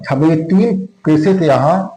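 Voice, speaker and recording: A man's voice: a little high, dark tone. A man teaching a maths lesson in Hindi and English, dictating a geometry proof and asking himself questions as he writes. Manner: asks and answers his own questions while writing; Hindi mixed with English terms, dictating slowly. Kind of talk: classroom lesson at a board. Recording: echoey room.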